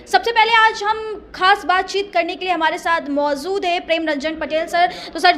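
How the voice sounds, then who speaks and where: A woman reporter who introduces a news story and presses her guest with rapid, politely addressed questions. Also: extremely high pitch, sharp tone.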